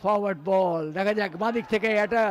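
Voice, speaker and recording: A man's voice: high voice, quick pace. A man giving emphatic live football commentary, exclaiming on shots and goals. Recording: noisy outdoor ground with crowd din. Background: crowd and ambient stadium noise.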